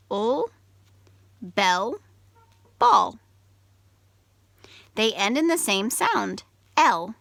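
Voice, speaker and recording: A woman teacher giving step-by-step instructions to young children in simple, deliberate phrases, stressing example words and sounds. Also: mid-range voice, vocal fry, sharp tone, dry recording. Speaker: elementary school teacher. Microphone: video camera.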